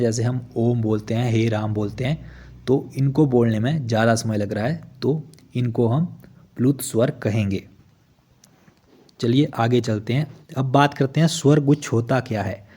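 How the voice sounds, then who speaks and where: Man, exam coaching teacher, mellow tone, step-by-step explanations, repeats definitions. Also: mid-range voice, normal speed, slightly rough. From Himachal Pradesh, India. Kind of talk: online lesson.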